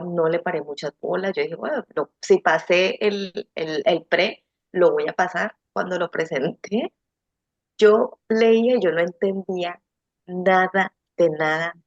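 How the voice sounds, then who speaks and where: A woman telling her exam story in an emotional, expressive testimonial interview over a video call. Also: lowish voice, dry recording, dull audio. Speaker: student who passed licensing exam.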